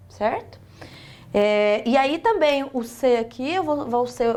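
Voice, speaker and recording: A woman with a Brazilian accent teaching a recorded online lesson, explaining step by step and asking and answering her own questions. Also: sits high.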